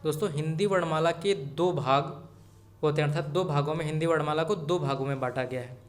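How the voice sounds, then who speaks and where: Male tutor, slightly high voice, exam-prep lecture, repetitive and direct. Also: brisk. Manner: repeats key points, addresses viewers as friends. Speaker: teacher.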